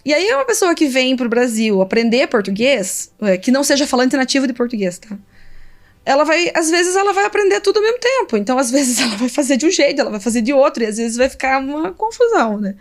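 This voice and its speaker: Woman, high voice, lively professor explaining in conversation, laughs a lot. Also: quick pace. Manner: animated, laughs often, demonstrates pronunciations. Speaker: linguistics professor guest.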